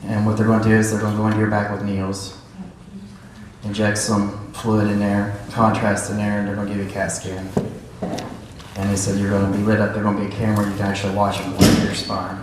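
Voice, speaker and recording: A man telling his testimony in church, animated, acting out the dialogue as he tells his story. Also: on the low side, fast talker, background noise. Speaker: church member giving a testimony. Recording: echoey church hall, voice heard from a distance.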